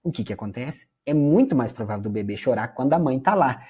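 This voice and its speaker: A man's voice: medium pitch, expressive, fast talker, dark tone, husky. A Brazilian man giving a conversational classroom lecture, often turning to his audience. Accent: Brazilian Portuguese. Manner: conversational, addresses audience as "gente".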